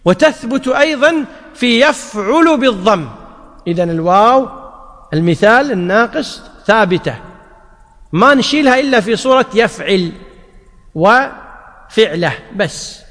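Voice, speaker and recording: Guy teaching a grammar class, pretty high voice, poses questions then answers them, long echo on it. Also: lively intonation, measured pace, long pauses, fairly bright tone. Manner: explains step by step, asks rhetorical questions and answers them. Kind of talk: classroom lesson. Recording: long reverb.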